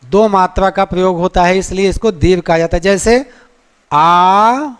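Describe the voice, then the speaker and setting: High-voiced male grammar teacher. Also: fairly even intonation, brisk, clear, resonant tone. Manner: asks rhetorical questions and answers them; draws out vowel sounds to demonstrate them. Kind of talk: classroom-style lecture.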